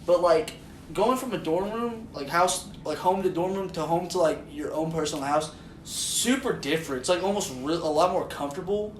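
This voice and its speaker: A young man hosts a casual podcast with friends, rambling and laughing as he goes. His voice sits a little high and comes from a distance in an echoey room with faint noise behind it. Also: moderate pace. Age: young adult. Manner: laughing, rambling with many fillers. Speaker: podcast host. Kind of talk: casual chat among friends. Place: room in a house.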